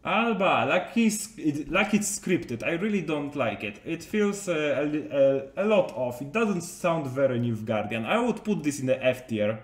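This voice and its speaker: Chatty man with lively, roomy voice. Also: fairly high pitch, moderate pace, hardly any pauses. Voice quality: non-native English phrasing. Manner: chatty, rambling, with many hesitations and restarts. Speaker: game content creator. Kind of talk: casual commentary to viewers.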